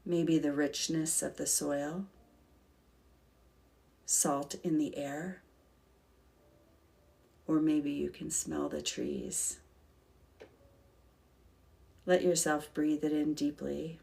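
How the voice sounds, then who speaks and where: A woman with a low voice leads a calm grounding meditation at a slow pace. Her delivery is gentle and soothing, with a crackle of vocal fry and long pauses between short phrases. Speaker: guided meditation leader.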